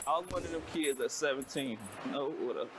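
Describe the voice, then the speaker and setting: A man from a boxing gym, interviewed for the news, talking in a halting, plain-spoken, grieving way. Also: mid-range voice. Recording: noisy field interview.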